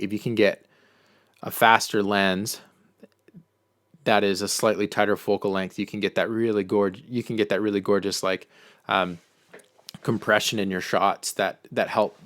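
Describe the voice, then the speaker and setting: A man's voice: fairly low pitch, a bit bright. A man hosting a casual live-stream Q&A on filmmaking, talking loosely with lots of "um" and "like" as he answers viewer questions from the chat. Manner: loose and chatty, full of "um" and "like".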